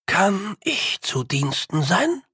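A man's voice: sits high, sing-song, takes it slowly, sharp tone, husky, no room sound, clean studio sound, voice pushed up, exaggerated voice. A man voicing a courteous bard with a rolled R. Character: polite, well-spoken male clan bard, rolling his R.

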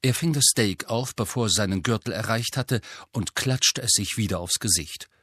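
Husky male audiobook narrator. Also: lowish voice, moderate pace, a bit bright, dry recording, studio quality. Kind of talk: scripted narration.

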